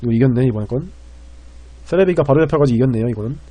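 A man streaming and commentating a game, rambling and excitable, swinging between loud panic and quiet muttering. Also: mid-range voice, very fast, dry recording.

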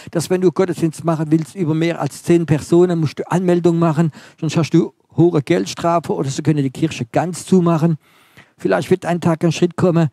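A man preaching a sermon, emphatic, building on short repeated phrases and often dropping to a quiet, intense delivery. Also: a little high, husky, dry recording, studio quality.

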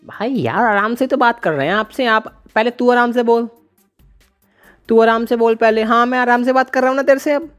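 A young man with a Haryanvi accent, shouting abusively in a staged phone argument at home during a prank. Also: very high-pitched, fairly quick, soft background music.

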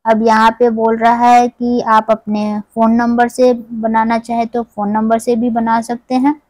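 A woman's voice: fairly high pitch, monotone, a little slow, darkish tone, no room sound, poor audio. A woman host from India walking viewers step by step through an app in a conversational tutorial voice-over. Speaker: tech tutorial channel host. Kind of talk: screen-recorded app tutorial.

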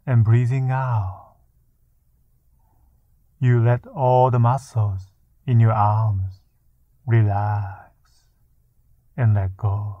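A man leading a guided meditation in a soft, soothing, hushed voice, leaving long pauses between short phrases. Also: medium pitch, dry recording. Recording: muffled, narrow-band phone-like sound. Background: music.

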